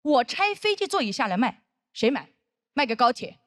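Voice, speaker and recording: A woman in her thirties performing a stand-up comedy set on stage, telling stories with animated acted-out voices. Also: sits high, moderate pace, no echo, clean studio sound. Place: comedy stage with live audience.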